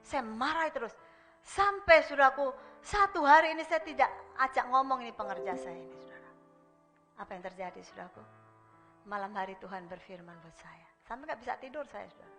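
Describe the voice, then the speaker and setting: A woman preaching a sermon, speaking straight to the congregation and swinging between emphatic and hushed delivery. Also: sits high. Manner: constantly addresses the congregation directly.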